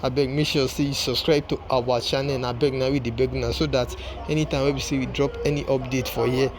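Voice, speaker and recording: A Nigerian man speaking in Nigerian Pidgin, giving informal political commentary to viewers as a channel host, with repetitive, halting phrasing. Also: medium pitch, fairly even intonation, a little hiss or hum.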